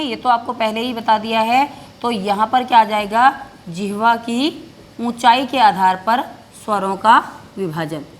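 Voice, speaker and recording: A woman teacher giving a grammar lesson, asking and answering her own questions and slowing down to dictate notes. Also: fairly high pitch. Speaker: Hindi teacher. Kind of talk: classroom-style grammar lesson.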